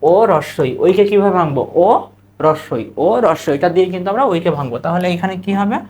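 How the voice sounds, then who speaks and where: A male teacher with a Bangladeshi Bengali accent drills students on pronunciation. He asks a question, repeats the answer, and draws out model words slowly, syllable by syllable. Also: high-pitched, darkish tone. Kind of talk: recorded exam-prep lesson.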